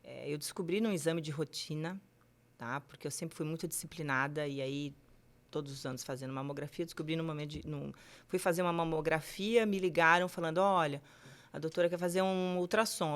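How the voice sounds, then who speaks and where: A woman in her forties with a low voice shares her own story in a podcast chat. She speaks candidly and haltingly, leaning on small fillers as she goes. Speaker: guest sharing her cancer story. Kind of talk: emotional personal storytelling.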